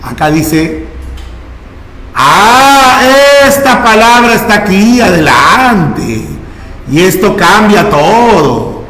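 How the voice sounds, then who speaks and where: Man teacher, high voice, prods the class with questions, long classroom reverb. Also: very animated, extremely slow, pushed and bright. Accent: Peruvian Spanish. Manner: questioning, coaxing students with repeated prompts. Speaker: language teacher. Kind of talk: classroom grammar lesson.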